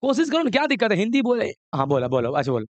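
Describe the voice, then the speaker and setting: A man's voice: high voice, wildly swooping pitch, racing, no room sound. A man teaching a chemistry class, coaxing and scolding students while mixing with English. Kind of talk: classroom lesson.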